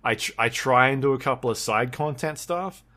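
A man's voice: medium pitch, normal speed, sharp tone. A man co-hosting a podcast in casual chat, rambling along with many ums and restarts. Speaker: podcast co-host.

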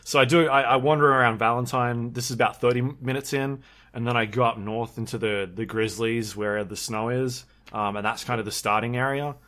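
A man's voice: medium pitch, steady tone, a little fast, a bit bright. A man co-hosting a podcast in casual chat, rambling along with many ums and restarts. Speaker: podcast co-host.

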